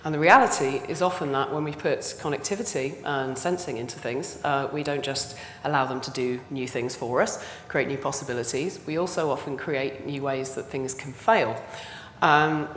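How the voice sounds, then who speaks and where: A British woman giving a conference talk in a hoarse, honking, half-lost voice with a cold, speaking in a halting, conversational way. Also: low-pitched. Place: large indoor conference hall stage. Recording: echoey hall, background noise.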